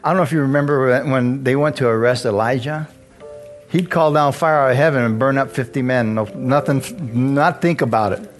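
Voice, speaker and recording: A man's voice: medium pitch, brisk, soft background music. A male pastor preaching a sermon, chatting with the congregation, chuckling and asking them questions as he reads scripture.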